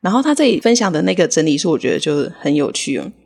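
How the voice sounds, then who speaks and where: Woman, Taiwanese Mandarin, low pitch, slightly husky, podcast co-host, patient English lesson. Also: big pitch swings, darkish tone. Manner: explains words slowly and clearly. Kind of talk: casual language lesson.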